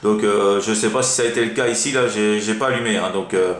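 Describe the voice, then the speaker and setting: Over CB radio, a French amateur operator chats casually, rambling, hesitating, and often repeating himself. His voice is fairly low with fairly even intonation and a fast pace, and the recording has a roomy, echoing sound.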